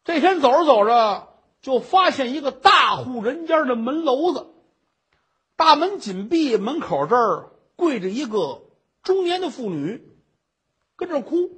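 A male storyteller, narrating a traditional tale in animated, rhythmic bursts. His voice sits high and rough, swinging widely in pitch. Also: a little slow. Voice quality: raspy.

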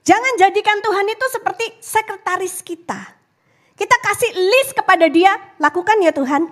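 A high-pitched woman delivers an animated sermon. Her voice swings up to call out to the congregation, then sinks to a hushed whisper on prayer lines. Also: moderate pace. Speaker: preacher. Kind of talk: lively church sermon.

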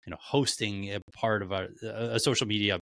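A man's voice: lowish voice, fairly even intonation, brisk, gravelly, a bit bright, no room sound, studio quality. A man hosting a podcast, talking candidly in a loose, casual way and swearing freely. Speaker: podcast host.

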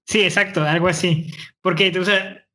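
Quick, stammering young Mexican man. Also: high voice, fairly even intonation, sharp tone. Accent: northern Mexican. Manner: fast, clipped talk with frequent stammered restarts. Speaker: host. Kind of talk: casual chat.

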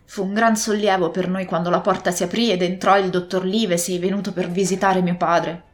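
A woman narrating a classic adventure novel as scripted narration, telling the story in a steady, expressive way. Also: lowish voice, a little fast, soft background music. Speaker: audiobook narrator.

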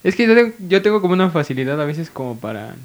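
A man's voice: fairly high pitch, very animated, fast. A young man with a Mexican accent, a podcast co-host telling a family anecdote in casual chat, laughing as he goes.

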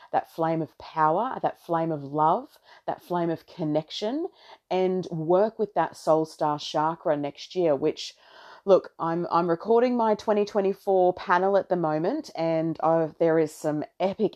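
A woman's voice: lowish voice, darkish tone, dull audio. A woman giving a casual, rambling, effusive spiritual monologue to her followers. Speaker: astrology podcaster and content creator. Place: bedroom, sitting on a bed.

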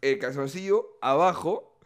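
A man's voice: a little high, a little slow. A young man, co-hosting a casual comedy podcast and telling stories with lots of swearing and acted-out voices. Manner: animated storytelling, swearing, acting out voices. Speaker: podcast co-host.

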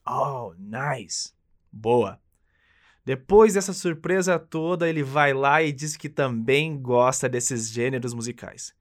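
A man with a Brazilian accent teaches a friendly, upbeat English lesson, speaking a little slowly at medium pitch. He coaches the listener through phrases to repeat.

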